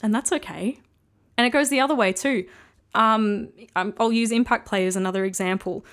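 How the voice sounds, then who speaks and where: A woman's voice: mid-range voice, normal speed, a bit bright. A woman hosting a solo podcast, talking casually and frankly as she gives earnest advice. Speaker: podcast host.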